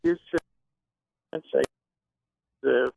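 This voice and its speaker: A man calling in as a guest on a glitchy, breaking-up cell phone line, giving halting, clipped short replies. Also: medium pitch, huge pitch swings, vocal fry, dry recording. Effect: buzzy, glitchy, breaking-up cell phone call. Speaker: call-in guest. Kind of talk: phone-in interview.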